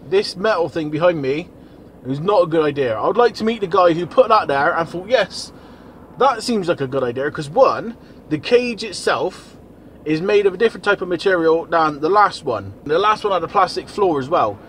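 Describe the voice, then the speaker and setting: A man's voice: on the high side, expressive, moderate pace, fairly bright tone, a little hiss or hum. A man giving a blokey, informal video diary as a vlogger. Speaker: vlogger and van driver. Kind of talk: casual video diary chat.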